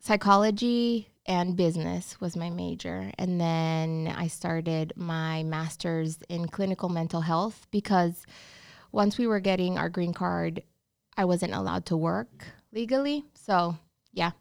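Gravelly-voiced woman from Honduras, chatty. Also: lowish voice, fairly even intonation, unhurried, dry recording, studio quality. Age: 30s. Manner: chatty, storytelling, upbeat. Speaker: bakery owner, guest. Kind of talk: casual interview chat.

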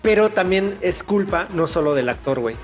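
A man with a Mexican accent hosting a casual podcast chat, animated and full of slang, often talking over the others. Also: high-pitched, moderate pace, soft background music. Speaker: podcast host.

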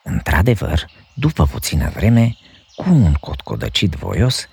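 A man narrates a fairy tale with expressive storytelling. His voice is very low and gravelly. It is also deeply husky, and his pitch swings widely.

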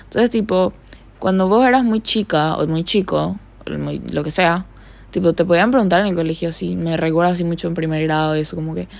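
With a low, gravelly voice and a brisk pace, a young Paraguayan woman rambles through her casual solo podcast from her bedroom. She is chatty and heavy on fillers as the host, and her Paraguayan Spanish accent carries some Argentine tone.

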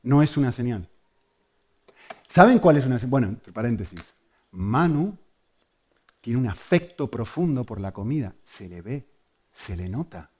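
Man preaching to a congregation; expressive, dips into quiet asides, warm mellow timbre. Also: mid-range voice, moderate pace, long pauses, husky. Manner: animated, swings from loud emphasis to hushed asides. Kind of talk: sermon.

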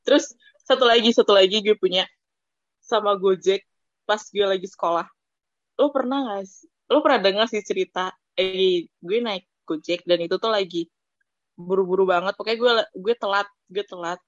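A young woman co-hosting a casual podcast, telling embarrassing stories in an animated way and laughing through the punchlines. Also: medium pitch, normal speed, no room sound, muffled recording. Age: young adult. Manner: animated storytelling, laughs into her own punchlines. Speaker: podcast co-host. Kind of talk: casual chat.

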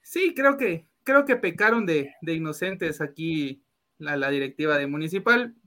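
A man's voice: a little high, lively intonation, moderate pace, pushed and bright. A young Guatemalan man with a Guatemalan Spanish accent, co-hosting a casual sports chat, laughing often and restarting his sentences. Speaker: podcast co-host.

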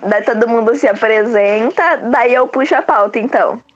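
A young Brazilian woman with a raspy, phlegmy smoker's voice, bantering casually as a podcast host. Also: on the high side, moderate pace, lo-fi sound, soft background music.

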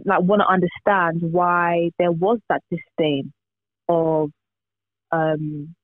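A man's voice: fairly high pitch, level tone, slow, no echo. A man on a podcast, musing at length with lots of fillers. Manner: thoughtful, rambling, many fillers. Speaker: podcast co-host. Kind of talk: casual chat. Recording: tinny phone-like remote call.

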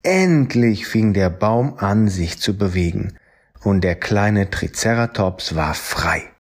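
A man reading a children's story aloud in a calm, gentle, expressive way. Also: lowish voice, slow pace.

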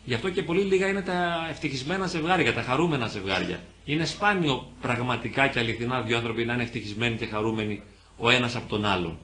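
A man giving an earnest, gentle pastoral talk on marriage and family in a church, answering audience questions with everyday examples. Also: medium pitch, a little hiss or hum. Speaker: invited speaker on marriage.

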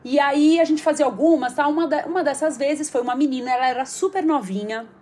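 Brief: Brazilian woman, comedic actress, fairly high voice, animated storyteller quoting others in an interview. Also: quick pace. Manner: lively retelling, voices others' quotes with pitch jumps.

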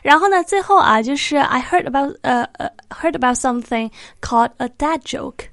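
A woman hosting a language lesson, explaining words step by step in a lively manner. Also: sits high, moderate pace, dry recording, clean studio sound. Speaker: English teacher host. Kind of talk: bilingual lesson chat. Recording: light guitar music behind.

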